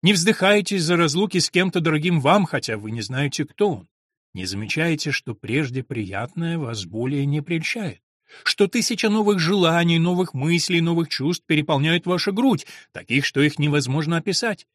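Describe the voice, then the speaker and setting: A man's voice: fairly high pitch, animated, moderate pace, a bit bright, dry recording, studio quality. A man doing a brooding, passionate monk. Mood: hushed, probing. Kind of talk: audiobook reading.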